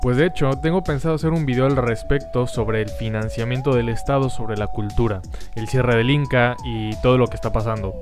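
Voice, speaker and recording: A man, host of a history channel, calmly answering viewer questions in scripted narration. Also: medium pitch, fairly quick, over music. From Mexico and Argentina.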